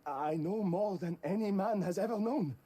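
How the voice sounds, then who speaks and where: An actor playing an unsettling male translator who blinded himself, speaking English with a French accent in a calm, measured way. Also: high-pitched, husky. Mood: eerie calm. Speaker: game character. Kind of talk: video game voice acting.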